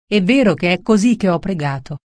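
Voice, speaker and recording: A proud, hot-tempered merchant man from a storybook tale, read by a woman. The voice sits low and dry, close to the mic with no room sound, and carries sharp accusations and worried prayers. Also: expressive, fairly quick, dry recording, natural voice. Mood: humbled. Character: proud angry male merchant who loses his coins.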